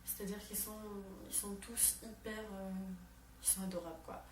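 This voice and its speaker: A woman's voice: medium pitch, fairly even intonation, normal speed, slight background noise. A young woman in her late teens vlogging casually about her exchange year, chatty with lots of fillers and restarts. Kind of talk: casual chat to camera. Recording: roomy, distant mic, background music.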